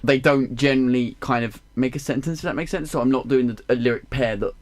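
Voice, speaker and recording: An enthusiastic man hosts a relaxed interview. His voice sits in a plain middle pitch, and he talks in a loose, chatty way, quick to laugh. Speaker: show host. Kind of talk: casual interview chat.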